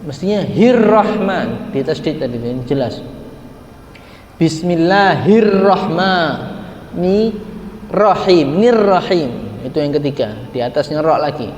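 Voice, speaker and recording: A man leads a religious study session, his slightly high voice carrying through a roomy, echoing hall. He keeps asking rhetorical questions and then stretches out sacred words slowly to show how they should be recited. A faint background hum sits under the recording. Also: darkish tone. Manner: asks rhetorical questions, slowly chants Quran words as examples. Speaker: religious teacher. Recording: echoey hall with faint ambience.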